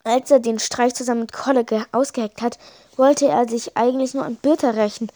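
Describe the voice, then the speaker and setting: Lady reading a kids book for her podcast, casual, higher voice, dry mic. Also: steady tone, brisk, dark tone, no room sound. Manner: informal, with fillers and restarts. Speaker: podcast reader. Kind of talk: reading a children's book aloud.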